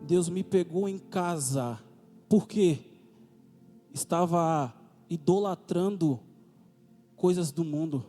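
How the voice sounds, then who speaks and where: A man's voice: on the high side, slow pace, pauses often, mellow. A man with a Brazilian accent preaching a testimony sermon, full of fervent repeated rhetorical questions. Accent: Brazilian Portuguese. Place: church. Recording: reverberant church hall with music.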